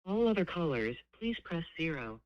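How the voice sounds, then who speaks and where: A woman's prerecorded phone message reading out a company's menu options in an even, scripted announcer delivery, heard over a phone. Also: on the low side, moderate pace, no echo, muffled recording. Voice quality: crisp, evenly paced announcer delivery. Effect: recorded phone message.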